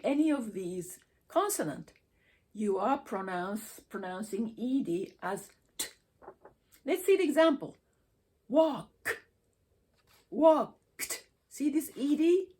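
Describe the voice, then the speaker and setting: A woman teaching English pronunciation, slowly sounding out words and endings for her students to repeat. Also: a little high, very animated, darkish tone. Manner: slow, deliberate, repeats sounds for practice. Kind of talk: pronunciation lesson.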